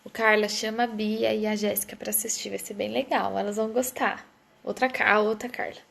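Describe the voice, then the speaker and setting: A woman's voice: mid-range voice, flat delivery, a little fast, creaky, fairly bright tone. A woman hosting a casual live stream, chatting and greeting viewers by name as they join. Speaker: live stream host, therapist.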